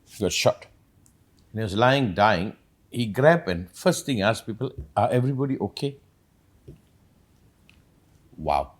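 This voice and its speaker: A man hosting a reflective talk, an animated storyteller who acts out quotes as he rambles through his points. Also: lowish voice, measured pace. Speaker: podcast host.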